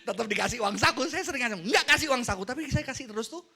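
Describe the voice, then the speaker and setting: A man's voice: extremely high pitch, expressive, racing, sharp tone, breathy edge. A middle-aged man preaching a casual, joking sermon to a youth service, mixing in English words.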